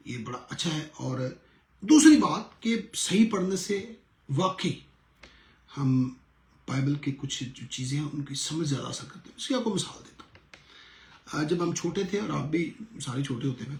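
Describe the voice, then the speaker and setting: Middle-aged male pastor, earnest teacher who drills words slowly; gravelly, roomy echo. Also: on the high side. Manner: earnest, repeats words slowly to show correct pronunciation. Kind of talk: sermon-style lesson.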